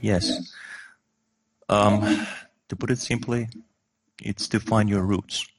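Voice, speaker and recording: A Finnish man appears as a guest in a spiritual interview, speaking slowly and hesitantly with many fillers and restarts. His voice sits on the low side with fairly even intonation, and there's no echo.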